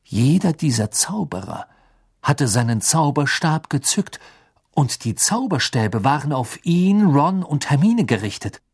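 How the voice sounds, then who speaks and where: An audiobook reader narrating a fantasy novel with expressive, dramatic storytelling. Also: mid-range voice, measured pace, slightly rough.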